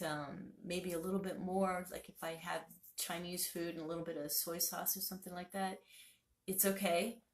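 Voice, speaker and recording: A woman chats to camera as a spiritual vlogger, circling back and correcting herself often. Her voice sits low and has a gravelly fry. The room around her rings with echo. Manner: rambling, self-correcting, many fillers. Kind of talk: casual talk to camera.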